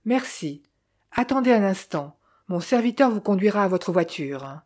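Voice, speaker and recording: A woman playing a hard-hearted rich man in an audiobook, curt and dismissive in every reply. The tone stays mellow. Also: mid-range voice, expressive, moderate pace, natural voice. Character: cold, curt millionaire man.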